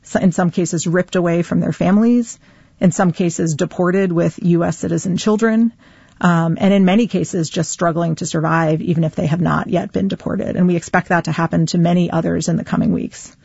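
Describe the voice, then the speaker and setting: A woman's voice: lowish voice, steady tone, normal speed, vocal fry, dark tone, husky, dry recording, lo-fi sound. A woman advocate speaking in a news interview, laying out facts fluently in long runs. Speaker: immigrant advocate.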